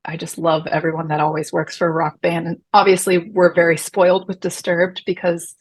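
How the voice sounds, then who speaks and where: A woman's voice: on the low side, level tone, a little fast, breathy edge, no room sound. A woman in her early forties from Dallas, Texas, chatting casually as an interview guest, joking and self-deprecating, talking out of the side of her mouth. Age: early 40s. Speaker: guest, touring production coordinator.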